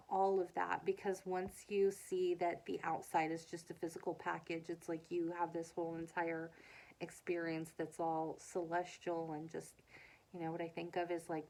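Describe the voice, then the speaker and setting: A woman with a slightly low voice rambles in a casual vlog. She talks loosely, with plenty of fillers and small laughs. She is recorded on a handheld phone in her living room. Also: darkish tone, low-quality recording. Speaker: vlogger.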